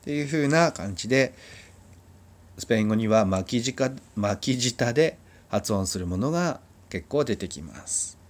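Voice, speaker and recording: A man's voice: medium pitch, expressive, normal speed. A man teaching a language lesson, explaining patiently and drilling sounds for listeners to repeat. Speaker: Spanish teacher.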